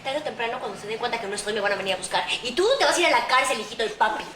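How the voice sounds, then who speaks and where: Actress playing a fiery, defiant young captive. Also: female voice, fairly high pitch, lively intonation, rapid-fire, recorded from a distance, background noise, natural voice. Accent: Mexican. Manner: defiant, scornful. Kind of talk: telenovela acting. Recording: roomy TV audio, loud music.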